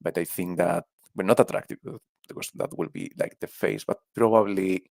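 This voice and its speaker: Low gravelly man with a Spanish accent. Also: fairly even intonation, normal speed, darkish tone, no room sound. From Spain. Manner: rambling, casual, swears, trails off while thinking. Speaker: video creator ranking game characters. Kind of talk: casual tier-list commentary.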